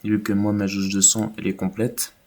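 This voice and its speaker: A man's voice: fairly low pitch, completely flat delivery, moderate pace, darkish tone. A man giving casual, rambling commentary over his own video game play, with many fillers. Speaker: gaming YouTuber.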